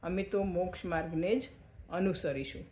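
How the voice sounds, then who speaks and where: A man voicing a calm, respectful young male sage who speaks politely and in a measured way. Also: high-pitched, lightly acted. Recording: echoey room.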